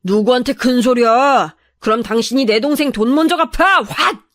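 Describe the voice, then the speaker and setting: Woman voicing a burly gangster brother, bellowing threats, fairly high voice, radio storybook. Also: normal speed, no room sound, clean studio sound, close to an everyday voice. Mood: menacing, shouting. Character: hulking loud gangster older brother, menacing.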